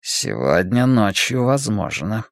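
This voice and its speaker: Quiet, slow, low young gang leader, cold and menacing, as a male storyteller puts him on. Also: very animated, creaky, no room sound, studio quality, heavily acted. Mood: cold, commanding.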